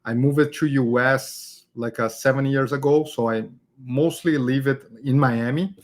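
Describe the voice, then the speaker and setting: A man's voice: medium pitch, steady tone, a little slow. Chatty Brazilian-raised man hosting workshop. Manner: chatty, many fillers and "okay?" tags. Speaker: community event host teaching design. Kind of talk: casual live online workshop.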